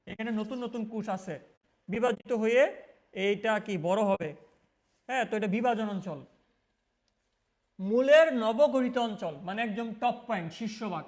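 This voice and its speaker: A male biology teacher, lecturing and answering his own questions while repeating key terms. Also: sits high. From Mymensingh, Bangladesh. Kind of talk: classroom lecture.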